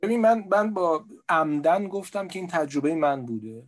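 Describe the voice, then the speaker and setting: A man's voice: on the high side, expressive. A male guest in a discussion, earnestly explaining a personal view. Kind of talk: conversational discussion.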